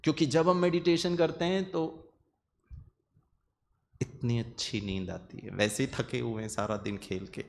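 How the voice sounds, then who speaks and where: A man's voice: medium pitch, a little slow, gravelly, long pauses, slight background noise. A man giving an earnest motivational talk on meditation and the mind to an audience. He often repeats phrases and slips English words into his speech. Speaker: meditation speaker.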